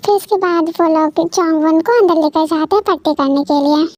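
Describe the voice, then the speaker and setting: A woman's voice: extremely high pitch, fairly quick, background noise. A woman narrating a fan love story and speaking the heroine's lines in a scolding, caring way. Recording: faint music underneath. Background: soft background music.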